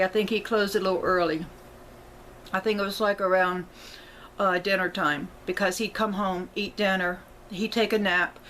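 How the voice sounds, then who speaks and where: A woman's voice: medium pitch, a bit bright, slight background noise, low-quality recording. A middle-aged woman, talking to her viewers in a rambling, apologetic way, close to tears. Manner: rambling, apologetic, self-correcting. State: emotional, on the verge of tears. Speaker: vlogger. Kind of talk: casual personal talk to viewers.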